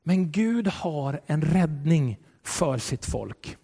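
Male preacher with a high voice, delivering a dramatic sermon in a reverberant church hall. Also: expressive, slightly rough. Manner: dramatic, swings between loud and hushed. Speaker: pastor. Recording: long reverb of a large hall.

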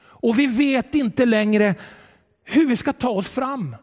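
Man, pastor, high-pitched voice, dramatic sermon delivery, booming then hushed, long hall reverb. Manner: dramatic, swings between loud and hushed.

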